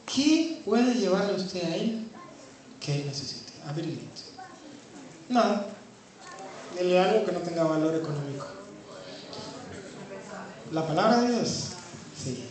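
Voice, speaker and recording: A woman preaching a sermon. She asks rhetorical questions and swings from quiet, low talk to loud, high-pitched preaching. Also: expressive, unhurried, long pauses. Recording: very echoey room from far off, faint noise.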